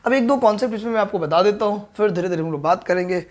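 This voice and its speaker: An online grammar lesson is led by a high-pitched man who constantly checks that viewers understand. At the board, he repeats the key terms slowly.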